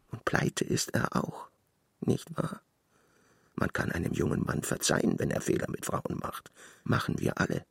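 Gruff old general, gravelly, husky, low voice, radio play. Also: male voice, heavily acted. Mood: indignant. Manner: blustering, gruff.

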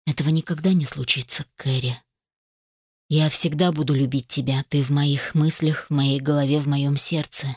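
A woman doing a hoarse, weary young man. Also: fairly even intonation, normal speed, darkish tone, no room sound, studio quality. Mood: grave, tender. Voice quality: hoarse, low. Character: young male mage, dying, bitter yet tender.

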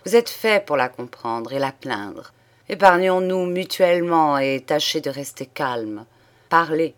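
A woman's voice: low voice, animated, unhurried. A woman reading the part of a haughty old nobleman, a count who speaks firmly and with cold contempt. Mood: stern. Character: haughty old male count, proud aristocrat. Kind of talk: audiobook character reading.

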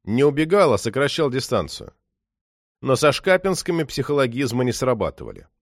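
A man's voice: mid-range voice, sing-song, a little fast, no echo. Man narrating an audiobook, dry sound. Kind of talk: scripted narration.

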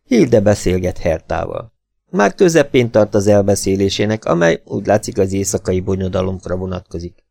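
A man reading a novel aloud as an expressive, dramatic audiobook narrator. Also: low-pitched, gravelly, no room sound.

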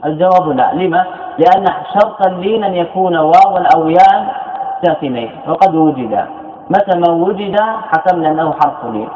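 A man's voice: high-pitched, animated, fairly quick. A man teaching grammar as a scholar in a classroom lecture. He repeats key phrases and asks questions that he answers himself. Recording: tinny echoey lecture hall recording.

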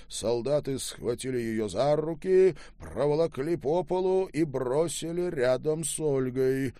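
A man narrating an audiobook in a measured storytelling manner. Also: mid-range voice, warm tone, dry recording, studio quality.

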